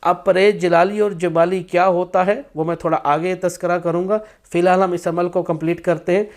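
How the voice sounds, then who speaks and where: A man explaining a spiritual practice in a firm instructional talk, with stretches of slow chanted recitation. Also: sits high, level tone.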